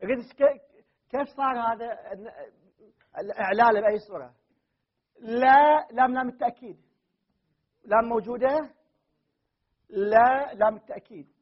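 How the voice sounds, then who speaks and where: A man's voice: very high voice, moderate pace, pauses often. A man teaching a classroom grammar lesson. He drills word forms aloud again and again and keeps checking with his students. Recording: dull lo-fi classroom recording.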